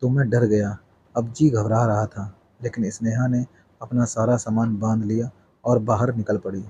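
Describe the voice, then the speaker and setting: A male storyteller reads a scripted first-person family tale in a level, unhurried way. His voice sits dark and mellow with little rise or fall, and a faint hiss lies under the recording. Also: fairly low pitch, flat delivery, dull audio.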